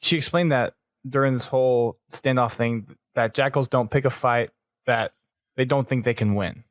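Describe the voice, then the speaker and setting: A man co-hosts a podcast and walks through an episode in easy, casual talk. He pauses and restarts his sentences as he thinks. His voice sits at a middle pitch, recorded close and dry. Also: no room sound. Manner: halting, restarts often while summarizing. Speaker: podcast co-host. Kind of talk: casual recap discussion.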